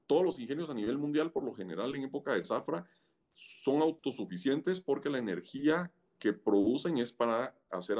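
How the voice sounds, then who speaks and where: A man's voice: mid-range voice, darkish tone, dull audio. A man, a guest in a podcast interview, explaining at length with frequent restarts and fillers. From Guatemala. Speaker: guest, business leader.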